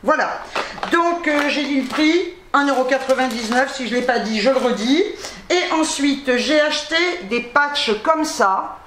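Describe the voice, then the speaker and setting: Fast-chatting woman in an echoey room. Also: high-pitched, a bit bright, slight background noise. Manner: rambling, chatty, reads product labels aloud; fast talker who trips over her words. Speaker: YouTube host. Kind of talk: casual haul vlog.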